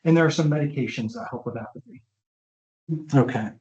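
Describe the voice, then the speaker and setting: A male neuropsychologist gives a conversational lecture with audience questions, often pausing to make sure listeners are keeping up. His mid-range voice is fairly quick and a little mellow. The online session audio is roomy, dull and lo-fi.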